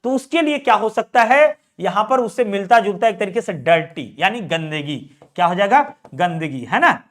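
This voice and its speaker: A young male teacher runs an exam prep lesson in a very high voice. He drills vocabulary by asking his students questions and answering them himself, over and over. He calls his students "my children" as he goes. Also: animated, normal speed, fairly bright tone. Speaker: English teacher.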